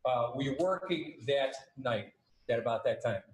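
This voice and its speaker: A man questioning a witness as an attorney, measured and methodical, heard in a courtroom recording. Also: mid-range voice, lively intonation, echoey room, low-quality recording. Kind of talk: courtroom examination.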